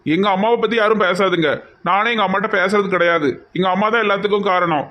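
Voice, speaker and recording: A man's voice: high voice, steady tone, fast, lo-fi sound, close to an everyday voice. A man voicing a bitter jilted young man. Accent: Tirunelveli Tamil. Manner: bitter, sarcastic outbursts.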